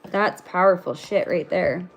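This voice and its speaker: A woman's voice: lowish voice, measured pace, noisy background. A woman giving a livestreamed spiritual card reading in a rambling, casual way, swearing freely. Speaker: spiritual reader.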